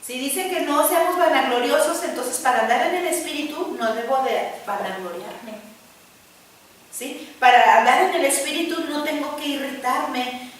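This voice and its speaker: A woman's voice: high voice, moderate pace. A woman preaching a sermon to a church gathering, earnest and conversational, often checking that her listeners agree. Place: church hall. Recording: distant mic in an echoey church hall with faint noise.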